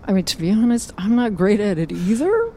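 A woman's voice: medium pitch, sing-song, brisk, dark tone, slight background noise. A woman voicing a self-important crow sage in an improvised comedy role-play, talking in rambling, stammering bursts. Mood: musing. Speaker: player voicing a character.

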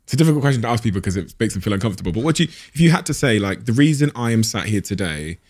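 A man with a very low voice, speaking fast in a casual podcast conversation. He is reflective and earnest, often pausing to find his words. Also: animated, a little mellow. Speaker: podcast guest.

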